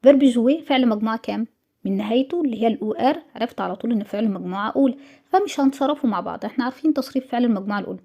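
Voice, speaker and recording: A woman's voice: a little high, racing, gravelly, muffled recording. An Egyptian woman teaching French vocabulary in a review lesson, patient and repetitive, saying each word twice. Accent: Egyptian Arabic.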